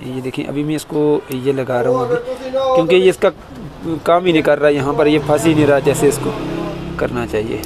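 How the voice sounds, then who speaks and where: A man's voice: a little high, expressive, moderate pace, over loud music. A man with a Pakistani Urdu accent, working on an open car engine outdoors and earnestly explaining the repair step by step as a mechanic host. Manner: earnest, advising, points things out as he works. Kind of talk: hands-on repair tutorial. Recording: noisy outdoor engine bay. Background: engine running, street ambience.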